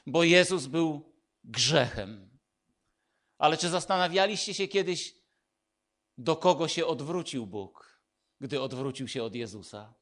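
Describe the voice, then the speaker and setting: Male preacher, slightly high voice, slow and emphatic, shifts from proclaiming to hushed. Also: expressive. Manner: emphatic preaching, swinging between loud declarations and hushed intimate lines. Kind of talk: sermon.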